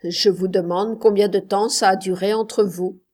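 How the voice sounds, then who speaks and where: A woman's voice: mid-range voice, steady tone, unhurried, darkish tone, close to an everyday voice. A woman reading aloud gives voice to a bitter, jealous husband, questioning his wife with cutting sarcasm in a storybook reading. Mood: pressing.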